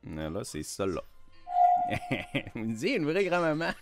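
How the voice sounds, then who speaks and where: A man's voice: on the high side, huge pitch swings, a little slow, creaky, over loud music. A young man with a Québécois accent, chatting casually and teasing his viewers while streaming a quiz game, laughing often. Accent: Québécois French. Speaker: Twitch streamer. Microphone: desk microphone.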